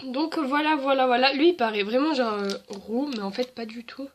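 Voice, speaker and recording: Chatty high-voiced young woman vlogger. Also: moderate pace, slight background noise. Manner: chatty, many fillers and restarts. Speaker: beauty vlogger. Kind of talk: casual haul and swatch video.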